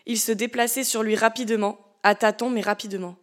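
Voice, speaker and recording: A woman narrating a story as an audiobook in a measured, steady reading voice. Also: a little high.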